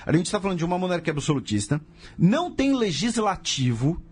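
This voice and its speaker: A man's voice: high-pitched, sing-song, fairly quick, slightly rough. A man with a Brazilian Portuguese accent, hosting a podcast and explaining history in a casual way, full of rhetorical questions and sarcastic asides.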